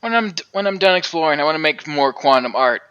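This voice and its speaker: A man voicing a calm, bright-toned alien traveler. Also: on the high side, quick pace, smooth, muffled recording. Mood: playful. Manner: laid-back, musing, gently teasing. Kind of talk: reading game dialogue aloud on a live stream.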